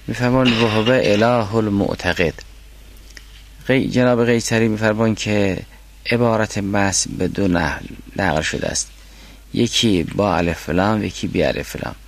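Gravelly deep-voiced male teacher lecturing. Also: steady tone, slight background noise. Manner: reads classical quotations slowly, then explains them. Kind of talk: lecture on a mystical philosophy text.

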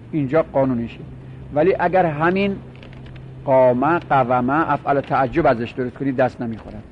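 A man with a fairly high voice teaches a grammar lesson at an unhurried, patient pace. He repeats and drills example words as he walks through each rule. The recording sounds dull and lo-fi, with a faint rumble underneath.

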